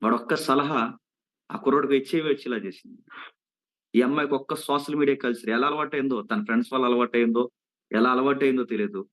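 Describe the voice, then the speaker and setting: A man's voice: medium pitch, quick pace, fairly bright tone, rough recording. A man preaching to young people, telling a cautionary story with earnest repeated warnings and questions to the listeners. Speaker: youth preacher. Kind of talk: sermon storytelling.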